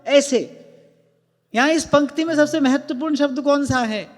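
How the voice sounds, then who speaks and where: A man giving a devotional sermon in an ashram hall. He explains slowly, stresses single words and quotes verses. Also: extremely high pitch. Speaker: spiritual discourse speaker. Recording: long hall reverb with faint music.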